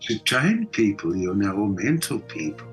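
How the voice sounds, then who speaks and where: Soft background music and a rough recording accompany a Johannesburg-born actor and theatre designer speaking as an interview guest via video call from indoors in South Africa. He shares personal stories in a conversational, emphatic way, repeating words for emphasis, in a somewhat low, sing-song voice at normal speed.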